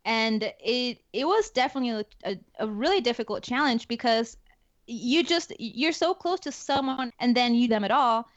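Speaking at a normal pace in a fairly high, animated voice, a young adult woman with a Spanish accent appears as an interview guest; she is a security forces NCO. Her talk is casual, with lots of fillers and restarts. There's no room sound, and the audio is dull, dry and lo-fi.

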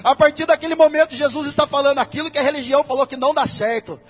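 A man's voice: very high voice, steady tone, racing, soft background music. A man with a Brazilian Portuguese accent preaching a sermon in a church, in a casual, slangy way that speaks straight to the listeners.

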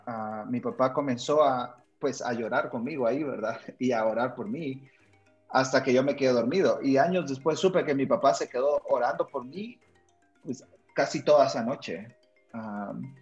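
A young missionary from Honduras, speaking with a Honduran Spanish accent, tells his personal story as a guest in a radio interview. He sounds hesitant, using frequent fillers and tag questions, in a medium-pitched voice. The audio is dull.

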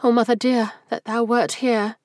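A man voicing a gentle, anxious young maiden in a dramatic poetry reading, speaking softly and pleadingly. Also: extremely high pitch, little pitch movement, normal speed, no echo, clean studio sound, pitched above the performer's own voice. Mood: tender.

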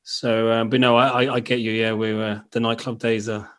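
An Irish-accented man hosting a casual interview, speaking informally and haltingly as he rephrases his thoughts. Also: fairly low pitch, level tone, a bit bright. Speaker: podcast host.

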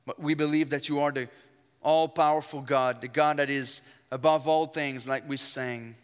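A guest preacher whose first language is French speaks with a strong French accent, delivering a sermon that opens with fervent, earnest prayer. His voice is smooth and a little high, at normal speed with fairly even intonation. A long hall reverb fills the church sanctuary.

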